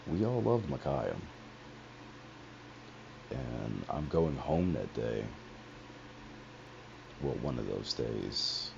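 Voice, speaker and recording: Very deep gravelly man, rambling. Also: big pitch swings, extremely slow, long pauses. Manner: rambling and profane, with frequent asides. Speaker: streamer. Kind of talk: casual personal storytelling on a livestream. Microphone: headset. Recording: dull lo-fi headset audio with faint hiss.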